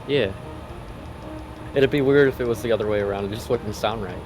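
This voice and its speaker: A man's voice: mid-range voice, fairly quick, music in the background. A young man on a game stream, trading dry jokes and short replies while learning a route. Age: young adult. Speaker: guest learning a speedrun. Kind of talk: casual gameplay chat.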